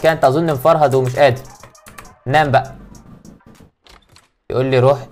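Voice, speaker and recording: A man's voice: mid-range voice, steady tone, very fast, soft background music. A young man with an Egyptian accent commentating a horror game, joking and muttering prayers when startled. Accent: Egyptian Arabic. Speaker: gaming YouTuber.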